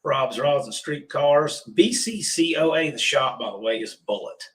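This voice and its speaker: Hoarse, rusty-voiced man hosting a livestream. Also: a little high, moderate pace, fairly bright tone, recorded from a distance. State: hoarse from pollen. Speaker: host of a livestream workshop. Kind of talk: casual livestream chat. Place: remote studio.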